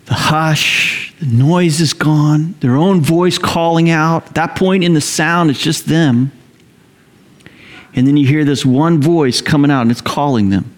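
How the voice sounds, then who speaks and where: A man preaching a sermon, telling the story in a conversational, animated way, rising loud and high when excited and dropping low and quiet to reflect. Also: a little slow. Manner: conversational fillers and repeated phrases. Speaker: pastor.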